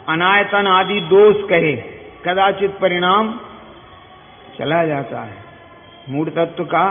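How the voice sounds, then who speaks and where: High-voiced man teaching scripture, tinny hall. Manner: keeps asking listeners quick questions; explains by everyday examples. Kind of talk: scripture discourse to listeners. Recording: tinny, echoey hall with faint hiss.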